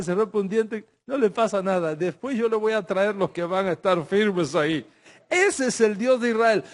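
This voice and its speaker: A man's voice: high voice, a little mellow. A middle-aged man teaching a religious class, emphatic, repeating phrases and restarting his sentences. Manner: speaks in Spanish with Hebrew religious terms.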